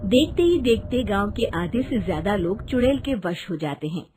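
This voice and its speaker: A woman's voice: medium pitch, moderate pace, background noise. A woman narrating a Hindi cartoon story. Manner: lively storytelling.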